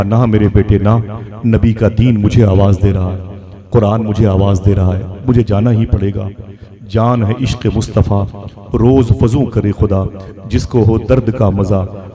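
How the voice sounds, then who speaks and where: A man with a fairly low voice delivers an emotional sermon from a stage, telling a moving story with dramatic repetition. A crowd is clearly heard behind him throughout the live recording. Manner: dramatic, repeats lines for emphasis, quotes figures in the story. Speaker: preacher.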